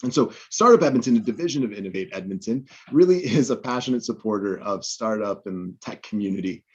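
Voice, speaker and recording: A man's voice: on the low side, expressive, fairly quick, husky, lo-fi sound. A man introducing himself on a video-call panel, upbeat and chatty, with frequent fillers and restarts. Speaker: head of a startup support organization.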